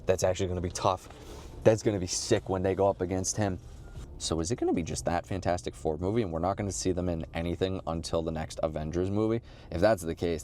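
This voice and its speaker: A man's voice: deep voice, darkish tone. A man chatting casually in a rambling, slangy, profane way with a laid-back stoner drawl. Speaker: vlogger.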